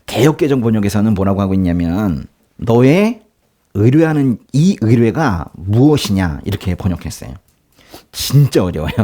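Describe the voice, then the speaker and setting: A man preaching a sermon as pastor, explaining scripture in a lively, conversational way, acting out quoted lines and laughing now and then. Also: on the low side. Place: church.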